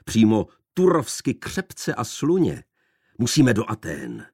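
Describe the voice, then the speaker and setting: A man's voice: fairly low pitch, wildly swooping pitch, a little mellow, breathy edge, no room sound, clean studio sound, full character voice. A man voicing a jovial mocking young man. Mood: bantering. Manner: bantering, theatrical.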